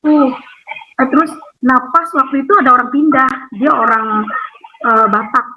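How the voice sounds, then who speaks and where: A woman giving an emotional personal testimony over a phone call, rambling and animated with many fillers. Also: high voice, moderate pace. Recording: tinny phone line with faint noise.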